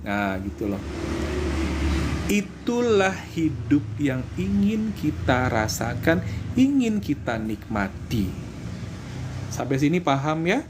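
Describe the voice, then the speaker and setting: A man's voice: a little high, sing-song, slow pace, long pauses, noisy background. A man giving casual religious life advice, chatty and repetitive, acting out prayers and answering viewer greetings. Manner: chatty, repeats himself, acts out prayers.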